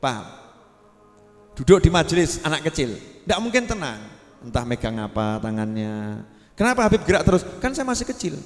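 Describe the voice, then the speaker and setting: Animated Javanese-accented preacher. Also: male voice, medium pitch, normal speed. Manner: lively, asks the audience questions, acts out scenes. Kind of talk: religious lecture to a congregation. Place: prayer gathering in a large hall. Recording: long hall reverb.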